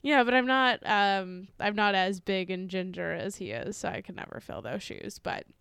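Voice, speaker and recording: A woman's voice: medium pitch, expressive, moderate pace, gravelly, fairly bright tone, smooth, no echo. A woman co-hosting a casual podcast, chatty, laughing often and swearing freely. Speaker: podcast co-host.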